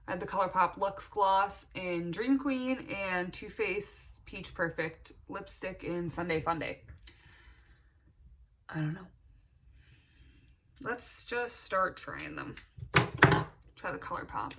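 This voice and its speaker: A woman's voice: mid-range voice, unhurried, long pauses, sharp tone, slight background noise. Chatty young woman vlogger wearing retainers. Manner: talking with retainers in; informal, thinking aloud. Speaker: beauty vlogger. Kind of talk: casual chatty get-ready-with-me vlog.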